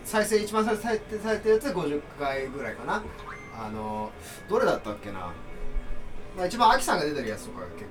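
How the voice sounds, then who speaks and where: Guy in a drinking talk show, kinda high, fast, laughs a lot, music in back and mic far. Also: sing-song. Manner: chatty, quick to laugh. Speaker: co-host. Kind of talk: casual drinking chat. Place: izakaya.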